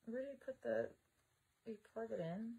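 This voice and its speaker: A woman vlogging live at home, chatting casually and thinking out loud as she unboxes a gadget. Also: a little high, moderate pace, background noise. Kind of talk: casual live-stream chat.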